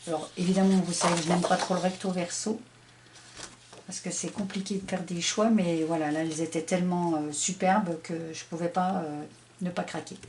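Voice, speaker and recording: A French scrapbooking vlogger in middle age walks through her latest haul, pausing often and filling gaps with "um"s. She talks briskly in a fairly low, slightly mellow voice with even intonation, over slight background noise.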